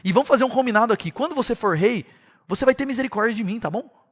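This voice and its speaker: A man's voice: very high voice, animated, very fast, voice pushed up. A man voicing an earnest young prince who urgently pleads with a friend for a pact. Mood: pleading.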